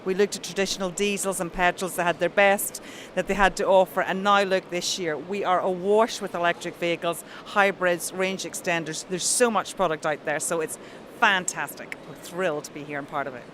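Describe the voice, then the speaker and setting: A woman's voice: lowish voice, steady tone, fairly quick, fairly bright tone, a little hiss or hum. A woman with a Belfast accent, an account manager being interviewed at a trade show, speaking in an upbeat, polished manner. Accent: Northern Irish, Belfast. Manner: upbeat, enthusiastic, polished phone-style voice.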